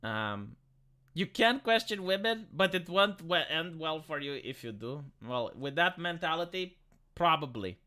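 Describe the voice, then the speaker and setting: A man on the high side with big pitch swings talks a little slowly in a bright, forceful, tinny and metallic voice. During a live stream he answers comments with casual, opinionated chat, arguing, speaking bluntly and swearing.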